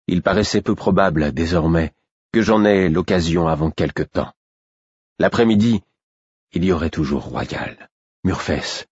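A man reading a first-person fantasy story aloud in a measured, even way. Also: sits low, husky, dry recording. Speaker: audiobook narrator. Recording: dull, muffled audiobook sound.

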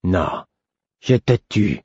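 A man voicing a hollow, malevolent feral woman who speaks in slow, flat, halting words. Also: low-pitched, husky, dry recording, muffled recording, full character voice. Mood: cold.

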